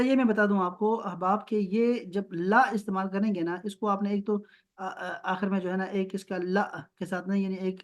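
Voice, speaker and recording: Encouraging male Arabic teacher. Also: high-pitched. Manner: encouraging, explains slowly in Urdu mixed with English. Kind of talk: online Arabic grammar lesson. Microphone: video call.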